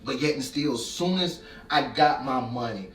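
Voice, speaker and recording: A man's voice: medium pitch, normal speed, fairly bright tone. A man giving an emotional, heartfelt spoken tribute that keeps building into impassioned repetition. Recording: echoey room, distant mic, faint music.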